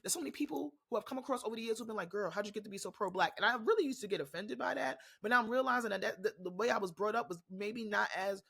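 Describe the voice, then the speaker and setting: A woman's voice: a little high, rapid-fire, creaky, few pauses, fairly bright tone, husky. A woman with a New York accent hosting a podcast, ranting in a blunt, profane, impassioned way in a casual monologue. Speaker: podcast host.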